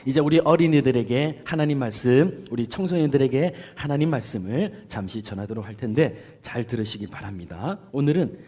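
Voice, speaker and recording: Lively male pastor giving a children's sermon. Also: mid-range voice, fairly quick, hardly any pauses. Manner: lively and playful, asks the children questions and acts out a teacher's calls.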